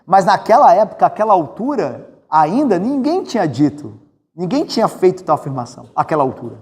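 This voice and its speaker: A man from Brazil, a pastor preaching a sermon in a conversational way, often tagging his points with quick questions to the congregation. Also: slightly rough. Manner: conversational, tag questions, animated swings in pitch. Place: church sanctuary. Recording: church hall with long reverb.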